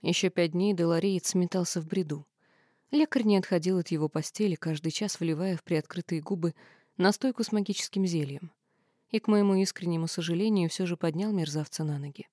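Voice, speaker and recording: A woman reading a first-person audiobook in a wry, expressive way. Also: on the low side, brisk, dry recording, clean studio sound. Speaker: audiobook narrator.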